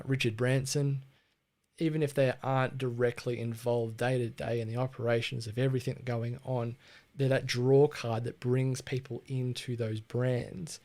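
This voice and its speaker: A man with an Australian accent hosts a casual livestream teaching branding, chatting in a laid-back way with frequent ums and restarts. His voice is medium-pitched, creaky and darkish in tone.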